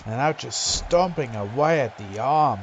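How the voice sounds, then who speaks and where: A man doing excitable play-by-play wrestling commentary, breaking into loud exclamations. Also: medium pitch, measured pace, a little hiss or hum.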